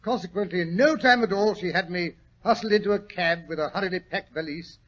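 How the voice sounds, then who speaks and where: A dull, vintage radio recording carries a genial older British doctor, pitched notably high. He spins his old adventures in a fussy, wordy, pompous way, like a proud storyteller in a 1940s radio play. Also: fairly quick, fairly bright tone. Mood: reminiscing, jovial.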